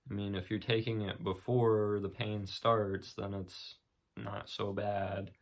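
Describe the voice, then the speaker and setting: A young man with a fairly low, gravelly voice talks casually to his vlog audience. His delivery is very flat and matter-of-fact, with hesitant, unscripted phrasing. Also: takes it slowly. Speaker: vlogger sharing personal recovery experience.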